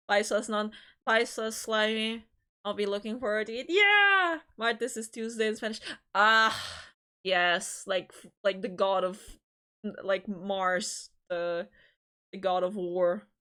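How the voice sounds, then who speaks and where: A woman streamer chatting casually with her viewers at an unhurried pace. She is giggly and rambling, and often trips over and restarts her sentences. Her voice sits at a middling pitch. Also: level tone, bright, forceful tone, clear, resonant tone. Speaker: livestream host.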